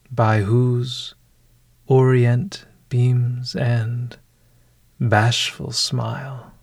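With no echo in the recording, a podcast host guides listeners through a scripted bedtime meditation. His mid-range voice stays hushed and deliberate, broken by long pauses.

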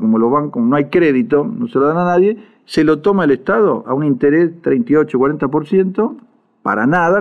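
A man giving heated political commentary, emphatic and indignant, repeating his points for emphasis. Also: fairly high pitch. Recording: dull lo-fi audio.

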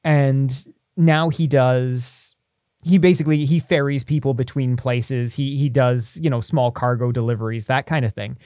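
A man's voice: medium pitch, steady tone, moderate pace, darkish tone, no room sound. A man co-hosting a podcast, talking casually and thinking aloud as he lays out ideas on a close microphone. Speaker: podcast co-host. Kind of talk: casual podcast talk, pitching a tabletop game character.

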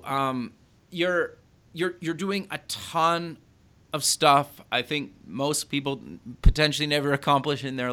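A man's voice: fairly high pitch, bright, forceful tone. A man hosting a casual interview, often restarting his words and saying "okay" as he listens. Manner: stammering restarts, frequent "okay". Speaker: podcast host.

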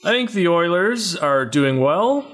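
A man co-hosting a casual hockey podcast, his voice sitting a little high for a man. He talks in animated bursts, laughs often and slips into mocking asides. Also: measured pace. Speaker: podcast co-host. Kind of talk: casual sports chat.

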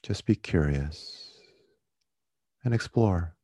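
Man, meditation guide, low mellow voice, soothing yoga-teacher delivery, gentle, close dry sound. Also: expressive, takes it slowly, slightly rough, no echo. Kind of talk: guided body-scan meditation.

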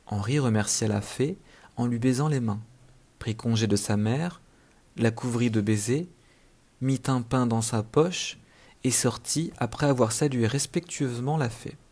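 Calm man reading a fairy tale. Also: mid-range voice. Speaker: narrator. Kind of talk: scripted storybook narration.

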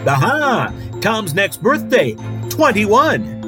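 An actor playing a cranky, eccentric late-night radio host calling bingo numbers in a rambling, deadpan patter. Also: male voice, high-pitched, slow pace, music in the background, full character voice.

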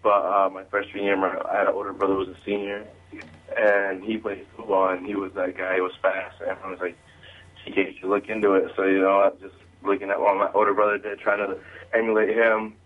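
A young man from Zimbabwe calling in by phone as a guest, talking in a relaxed, modest way about his football past. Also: sits low, fairly quick. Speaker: phone-in guest, former college football player. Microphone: telephone. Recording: tinny phone line with faint hiss.

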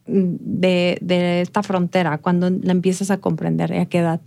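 A woman's voice: on the low side, flat delivery, moderate pace, vocal fry. A woman hosting an interview, often echoing and affirming what her guest says before asking the next question. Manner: warm, affirming, rephrases and encourages the guest. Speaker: interview host. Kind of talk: casual conversational interview.

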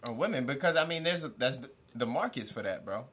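Slangy man, mid-pitched, slight background noise. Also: expressive, fast talker, fairly bright tone. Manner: slangy, agreeing interjections. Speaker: co-host of a casual livestream. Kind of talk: casual group chat. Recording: some background noise and room ambience.

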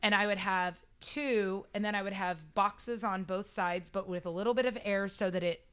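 A woman's voice: medium pitch, fairly even intonation, normal speed, a bit bright, clean tone, no room sound. A woman guest on a podcast, chatting casually and self-deprecatingly with many fillers. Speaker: podcast guest, robotics club founder.

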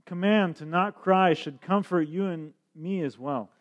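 A man interpreting a sermon into English on the fly, his voice a little higher than most. He often stumbles and repeats words while he searches for the phrasing. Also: slow, muffled recording.

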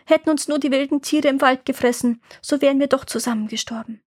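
A small, frightened girl with a raised, high voice pleads and cries out, as a woman reading a fairy tale puts her on. The sound is dry and close. She sounds young and earnest. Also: steady tone, brisk, dry recording, close to an everyday voice. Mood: tearful pleading. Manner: pleading, tearful. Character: frightened little girl, brave and clever. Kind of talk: storybook reading.

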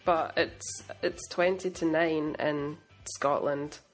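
A woman's voice: low voice, steady tone, slow pace, faint music behind. A woman co-hosting a casual podcast while sick, chatty and self-deprecating. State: sick, under the weather. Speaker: podcast co-host. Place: home in Scotland.

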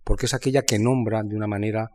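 A man from Spain talking about literature in a reflective conversation, thinking aloud with many pauses and restarts. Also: fairly low pitch, steady tone, a little mellow. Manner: thoughtful, halting, many restarts and fillers. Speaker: writer in conversation.

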